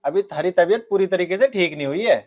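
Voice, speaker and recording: A man's voice: sits high, quick pace, darkish tone, close to an everyday voice. A man playing an earnest young villager. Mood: respectful. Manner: earnest, heartfelt. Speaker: headman's son, laborer. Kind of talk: rural comedy film acting.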